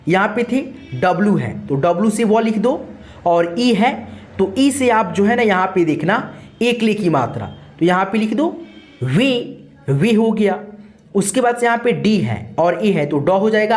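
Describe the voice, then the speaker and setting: A man teaching an online lesson, explaining letters and spelling step by step in a patient, repetitive way and addressing viewers as friends. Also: high-pitched.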